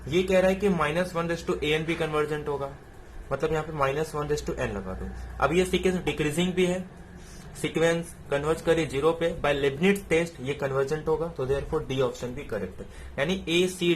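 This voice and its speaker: A man teaching, working through exam math answers in a steady explanatory way, often asking a question and answering it himself. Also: on the high side, moderate pace, slight background noise. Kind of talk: exam solution walkthrough.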